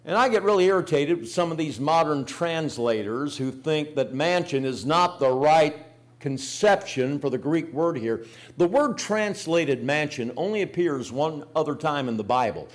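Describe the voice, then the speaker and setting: A man's voice: fairly high pitch, expressive, moderate pace. An older man preaching a sermon, telling folksy personal stories and rising to emphatic points. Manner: folksy storytelling with emphatic rises. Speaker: pastor.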